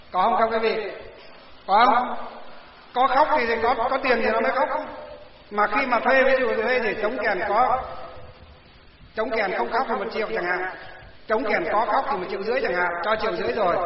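A man preaching a Buddhist sermon to a gathered audience, constantly posing rhetorical questions and answering them himself, and sometimes questioning listeners directly. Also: sits high. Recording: roomy hall reverb, dull lo-fi sound.

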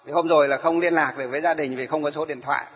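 A Buddhist monk tells his listeners a story in a lively way. His male voice sits high. The recording is muffled, with a long hall reverb. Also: racing. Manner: animated, addresses listeners directly. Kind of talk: storytelling sermon.

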